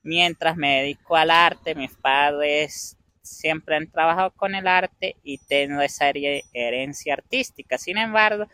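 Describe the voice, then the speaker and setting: Answering interview questions conversationally, this young man speaks Spanish with a Venezuelan Andean accent, measured and pausing now and then as he looks for words. His somewhat high voice is smooth, bright, and forward, recorded dry without any echo.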